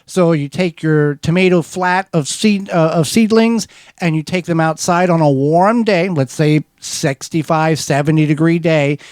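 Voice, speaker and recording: Brief: male radio co-host, slightly high voice, dry studio sound, patient how-to explainer. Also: unhurried, no room sound. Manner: steady, methodical how-to explaining with small restarts. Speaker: co-host of a gardening radio show.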